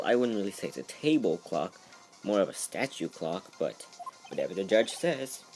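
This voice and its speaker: Joking man commenting on a game. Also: low-pitched. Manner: joking, casual asides. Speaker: let's play commentator. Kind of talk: video game playthrough commentary.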